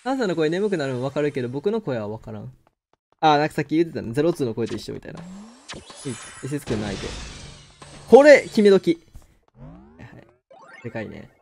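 A man with a Kansai accent giving excitable live commentary on his own game, exclaiming and laughing often. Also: a little high, fast talker, gravelly, pauses often. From Kansai, Japan. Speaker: game streamer.

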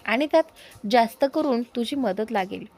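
An impatient, eager young man in a storybook romance who pushes and pleads to get his way, as a woman narrator voices him. His voice is on the high side. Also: lively intonation, normal speed, darkish tone. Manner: pushy, pleading. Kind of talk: storybook character voice.

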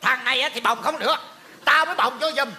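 A man's voice: extremely high pitch, fast, bright, forceful tone, heavily acted. A man playing a hot-tempered, effeminate stepfather in a stage comedy sketch, scolding and swearing, then meekly apologizing.

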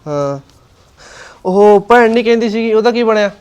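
A man's voice: high-pitched, expressive, normal speed, darkish tone, clear, resonant tone. A young man playing an unmarried son who talks in an easygoing, agreeable way, with a rural Punjabi accent. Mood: resigned. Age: young adult. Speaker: son of marriage age.

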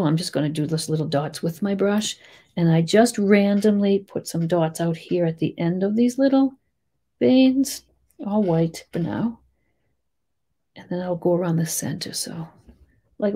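A woman with a Boston accent giving a chatty, rambling step-by-step painting tutorial, full of gentle little asides. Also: on the low side, slightly rough. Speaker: painting teacher.

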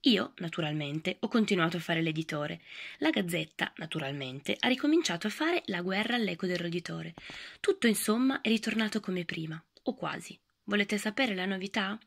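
A woman reading a children's book aloud in a lively storytelling voice that often drops to a whisper. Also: fairly low pitch, moderate pace, creaky.

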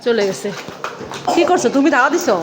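A woman's voice: high-pitched, expressive, fast talker. A woman talking casually to children while filming on a phone outdoors, coaxing and scolding them and repeating her words. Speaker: vlogger minding children. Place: busy street outdoors. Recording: loud street traffic noise.

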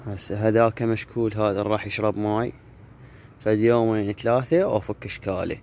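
A man's voice: on the low side, steady tone, fairly quick, darkish tone. A man with an Iraqi Arabic accent chatting casually as he hosts a handheld vlog outdoors. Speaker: pigeon keeper and channel host. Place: open rooftop yard with low brick walls, outdoors. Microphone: phone held in hand, filming. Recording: outdoor phone audio with faint background noise.

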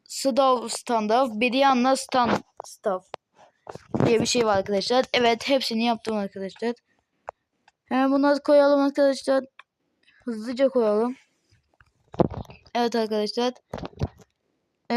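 A woman's voice: a little high, background noise. A young woman from Turkey casually narrating a game mod showcase, rambling with constant fillers and addressing her viewers again and again. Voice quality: voice tone altered, may sound odd. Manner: rambling, says "arkadaşlar" constantly, many fillers. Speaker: gaming channel host.

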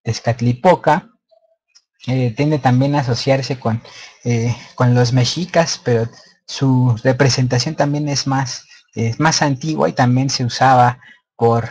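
Husky guy giving a slide lecture, lots of ums and restarts, muffled lo-fi recording. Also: mid-range voice, steady tone, a little slow, darkish tone. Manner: hesitant, many fillers and restarts. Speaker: presenter of codex slides. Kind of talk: unscripted lecture over slides.

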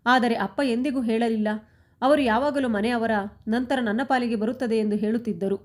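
A woman's voice: on the high side, steady tone, a little fast, lightly acted. A woman voicing a confused, guilt-ridden grown son in a storybook reading, in her own plain voice.

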